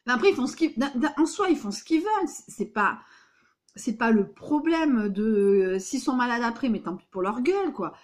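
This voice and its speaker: A woman's voice: fairly high pitch, expressive, moderate pace. A woman with a southwestern French accent, Béarnais-tinged, talking straight to her viewers from home in a rambling, emphatic vlog monologue. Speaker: vlogger. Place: at home indoors.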